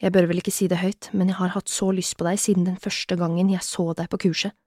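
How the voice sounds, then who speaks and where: A woman reading as a hoarse, murmuring man. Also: fairly low pitch, flat delivery, dark tone, no room sound, studio quality, lightly acted. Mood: husky urgent. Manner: muttered, urgent half-whisper. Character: intense adult man, a lover speaking low.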